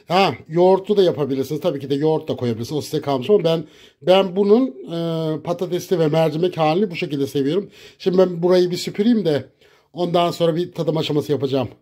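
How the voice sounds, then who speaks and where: A man recording a cooking vlog in his home kitchen, talking dramatically to viewers and breaking into loud, theatrical insults. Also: on the high side. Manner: dramatic, shouts insults, addresses viewers as "canlarım". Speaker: cooking vlogger.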